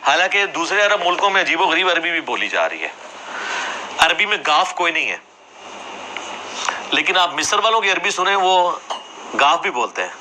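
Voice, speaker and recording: A man's voice: fairly high pitch, big pitch swings, pauses often, background noise. A man giving a classroom religious lecture, explaining points conversationally and checking that listeners follow. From Jhelum, Punjab, Pakistan. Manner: conversational, explanatory, asks for agreement with tag questions.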